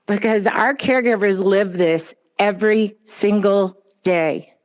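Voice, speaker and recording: Woman, memorial address, slow and gentle, consoling, mid pitch. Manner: gentle, consoling, unhurried with soft pauses. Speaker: speaker at a pet memorial blessing. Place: outdoors at a memorial ceremony.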